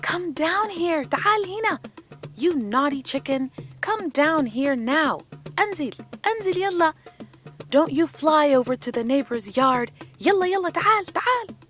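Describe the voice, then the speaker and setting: A woman's voice: steady tone, measured pace, pauses often, a bit bright, soft background music. A woman voicing a young girl who calls and coaxes her runaway chicken. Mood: coaxing. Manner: high, coaxing, calling out.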